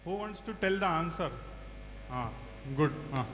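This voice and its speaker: A man's voice: high voice, lively intonation, a little slow. A man with a South Indian accent teaching a large class, repeating answers and prompting students with short questions. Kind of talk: interactive classroom lecture to a large group. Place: large hall. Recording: echoey hall, reverberant, faint hum.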